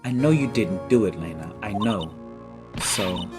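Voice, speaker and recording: A man's voice: lowish voice, lively intonation, a little slow, over music. A man voicing an earnest, emotional teenage girl in a game reading, with a pleading, tearful manner.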